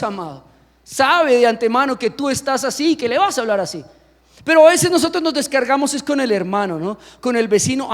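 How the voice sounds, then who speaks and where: A man preaching a sermon as pastor, animated, asking his congregation questions and breaking into sudden loud exclamations. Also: extremely high pitch. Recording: long hall reverb.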